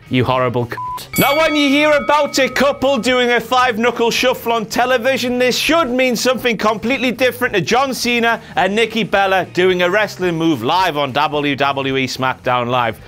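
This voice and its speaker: A man's voice: high-pitched, normal speed, fairly bright tone. A British man hosting a comedic wrestling recap show, with a theatrical, mock-pompous and sweary manner. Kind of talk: comedic commentary.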